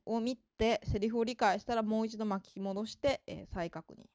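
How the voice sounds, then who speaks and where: A woman giving an informal spoken lesson of study advice, polite in manner, with frequent fillers and emphatic pauses. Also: a little high, steady tone, darkish tone, dry recording, studio quality. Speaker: English-learning advisor.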